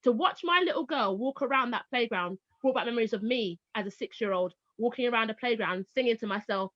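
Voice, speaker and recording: Brisk and a little high-pitched, this woman in her thirties from Barbados talks as an interview guest about her shift from teaching to homeschooling. She animates her stories by acting out quoted voices. The audio is dull, lo-fi and dry.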